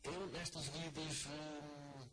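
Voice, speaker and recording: A man's voice: fairly high pitch, steady tone, extremely slow. An older man with a European Portuguese accent, a guest on a radio interview, talking hesitantly with many restarts. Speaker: author guest. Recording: noisy radio broadcast.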